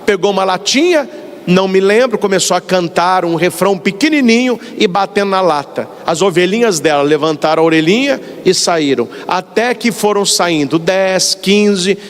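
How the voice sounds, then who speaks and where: High, lively Brazilian priest preaching. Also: male voice, moderate pace. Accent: Brazilian Portuguese. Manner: animated storyteller, acts out dialogues. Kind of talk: sermon. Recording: long hall reverb.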